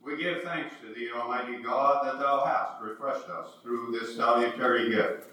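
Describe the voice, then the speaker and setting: A man leading a church service, intoning prayers and a blessing in a solemn, measured way, with a cathedral echo. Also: medium pitch. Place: large church. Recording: echoey church from far off, organ music.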